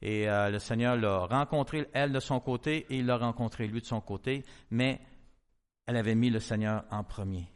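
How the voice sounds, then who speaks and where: A man's voice: medium pitch, moderate pace, clear, resonant tone. A middle-aged man with a Québécois French accent, a pastor telling a story in a sermon and acting out the dialogue. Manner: lively storyteller who acts out quoted dialogue. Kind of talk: testimony-style sermon storytelling.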